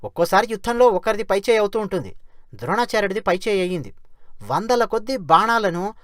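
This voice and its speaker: A storyteller retelling an epic in a lively conversational way, often asking rhetorical questions of the listener. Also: mid-range voice, fast talker, no echo, clean studio sound.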